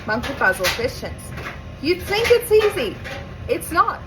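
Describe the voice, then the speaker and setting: This young vlogger from South Africa has an Afrikaans accent and a high, sing-song voice, unhurried against loud music. Her story to camera wanders chattily, with asides and self-corrections along the way. The home recording is noisy, with appliances running nearby.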